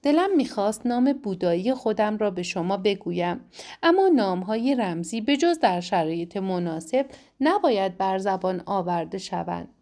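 A woman reading the lines of a blunt, self-assured woman traveler, calm and matter-of-fact. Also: medium pitch, natural voice. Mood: firm.

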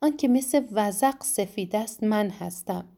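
A woman's voice: mid-range voice, expressive, creaky, mellow. Clara, a woman doing a teasing woman mentor. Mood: conspiratorial. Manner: teasing, half-whispering at times.

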